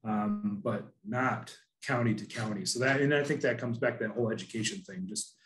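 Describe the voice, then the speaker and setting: A man's voice: on the low side, fairly quick, a bit bright, slight background noise. Earnest man on a roomy video call. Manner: earnest, many restarts and fillers. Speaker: panelist from an asphalt producer. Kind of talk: casual webinar discussion. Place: office.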